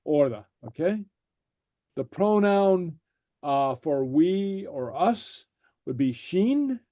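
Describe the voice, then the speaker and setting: Brief: male teacher, slightly high voice, mellow tone, slow patient delivery, dry close sound. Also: big pitch swings, no echo, dull audio. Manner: patient, repeats "okay?" after each point, many fillers. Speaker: language teacher. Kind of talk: slow explanatory class lecture.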